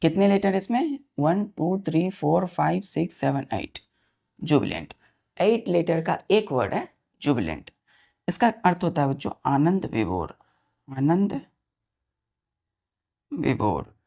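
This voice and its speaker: A woman teaching a vocabulary lesson, spelling words out letter by letter and often asking the students if it is clear. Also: deep voice, sing-song, slow pace, pauses often, mellow.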